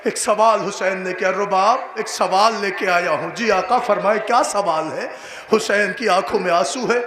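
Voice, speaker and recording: Through an echoey live PA, a crowd of mourners can be heard as a Shia cleric with an Indian Urdu accent and a high-sitting voice gives a majlis address outdoors. His passionate mourning sermon builds into a chanted, wailing lament.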